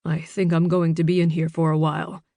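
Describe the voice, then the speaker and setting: A woman voicing a weary father speaking gently from jail in an audiobook. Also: deep voice, level tone, fairly quick, vocal fry, no echo, studio quality. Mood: gentle, resigned. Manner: gentle, turns stern.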